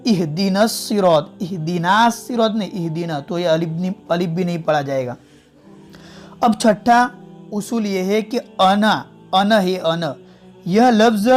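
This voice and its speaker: A methodical teacher leads a recorded lesson, saying each word, then the wrong reading, then the right one. The voice sits at an ordinary middle pitch and speaks straight to viewers as friends. Faint music plays quietly behind. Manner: addresses viewers directly as friends. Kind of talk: online video lesson in spoken Hindi-Urdu.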